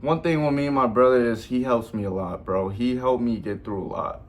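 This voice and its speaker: A man's voice: mid-range voice, a little fast. A young man vlogging in a casual, earnest, rambling way, full of slang and repeated fillers. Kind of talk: casual heartfelt vlog talk.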